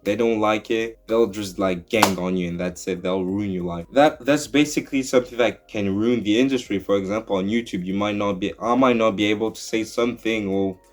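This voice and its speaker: A young male YouTuber speaks to camera in an opinion commentary vlog, his voice fairly low and a little fast with few pauses. Earnest and opinionated, he rambles and restarts sentences as he argues his point.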